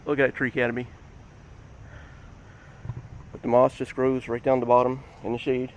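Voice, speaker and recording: A man's voice: medium pitch, completely flat delivery, moderate pace. An American man narrating a walk in a casual, rambling, unscripted way outdoors in the woods by a babbling creek. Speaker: nature vlogger, trail guide. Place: outdoors on a wooded trail near a creek. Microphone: handheld phone or camera while walking. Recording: outdoor woodland noise, stream, distant road. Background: outdoor ambience of stream and distant road.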